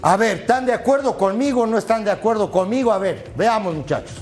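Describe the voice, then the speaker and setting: A man analysing a football lineup on a sports panel, explaining step by step and checking in with quick tag questions. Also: high-pitched, soft background music.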